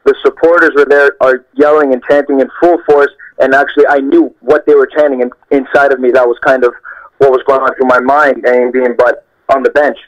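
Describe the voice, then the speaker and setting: A young Canadian professional footballer, interviewed over a muffled phone line, tells reflective stories in an earnest manner. His mid-range voice stays level and moves fairly quickly, and he repeats phrases for emphasis.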